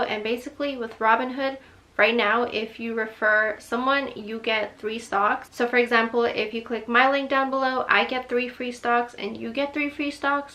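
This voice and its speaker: A woman's voice: on the high side, sharp tone. A woman in her twenties from Guyana giving earnest, chatty advice in a casual vlog, full of "like" fillers. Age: 20s. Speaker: vlogger.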